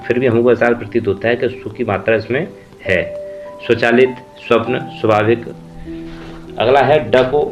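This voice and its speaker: A man teaching a Hindi spelling lesson, explaining rules step by step and spelling out letters while he writes examples. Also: mid-range voice. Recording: dull lo-fi audio with faint music.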